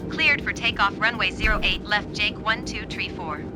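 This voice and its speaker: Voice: medium pitch, normal speed, very noisy. A game's text-to-speech voice playing a pilot, reading back clipped, formulaic cockpit radio calls in aviation phrasing. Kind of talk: flight radio readback.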